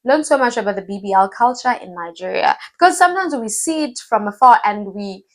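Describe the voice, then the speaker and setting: A woman from Africa, reviewing her favorite books in a casual, animated way and repeating words for emphasis. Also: a little high, brisk. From South Africa. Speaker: book vlogger.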